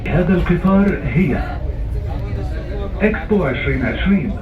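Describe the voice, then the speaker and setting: A man's recorded train station announcement plays through the carriage loudspeaker, formal and unhurried, the English phrases drawn out slowly. His pitch rises and falls in a lively way, and he sounds far from the mic and muffled. Loud rumbling train noise sits behind him. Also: echoey room, over a noisy crowd. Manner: measured and formal, slow deliberate English phrases. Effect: train station announcement over a loudspeaker. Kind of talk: recorded bilingual transit announcements. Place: inside a moving metro train carriage.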